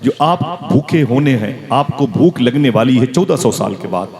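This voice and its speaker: A man's voice: mid-range voice, expressive, normal speed, darkish tone. A male preacher telling a religious story dramatically in a sermon, calling on the gathering to respond. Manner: dramatic, calls for crowd responses. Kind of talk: emotional Islamic sermon storytelling. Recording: crowd noise at a live gathering.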